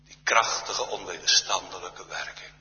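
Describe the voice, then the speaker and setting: A man's voice: deep voice, moderate pace, sharp tone. A man preaching a solemn church sermon, often sinking to a near-whisper. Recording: reverberant church hall, dull sound.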